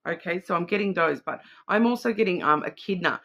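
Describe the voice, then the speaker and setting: A woman's voice: fairly low pitch, animated, a little fast, a bit bright. Aussie lady doing a chatty card reading, middle-aged, wanders around her thoughts with lots of ums. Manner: rambling and intuitive, thinking aloud with many fillers. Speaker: card reader. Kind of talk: casual psychic reading monologue.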